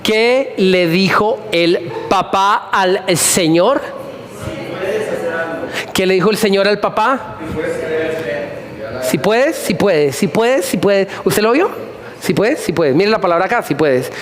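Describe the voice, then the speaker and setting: A man preaching a sermon to a congregation, animated, repeating phrases and firing questions at the listeners. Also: high-pitched, a little slow, a crowd in the background. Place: church hall before a congregation.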